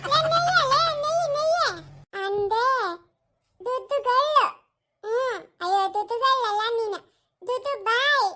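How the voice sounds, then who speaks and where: Shrill bright woman playing a village gossip, teasing and scolding, family drama. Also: unhurried, exaggerated voice.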